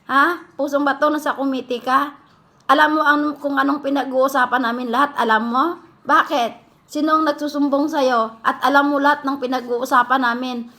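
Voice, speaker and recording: A woman in a heated vlog rant, scolding her critics and firing off rapid rhetorical questions. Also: high voice, fairly even intonation, bright, forceful tone. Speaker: vlogger answering critics. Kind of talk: heated direct-to-camera rant.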